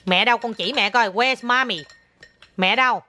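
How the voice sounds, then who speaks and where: A woman's voice: on the high side, moderate pace, pushed and bright, faint music behind. A woman talking casually with her young child as a mother, patient and coaxing, repeating herself and slipping into English now and then.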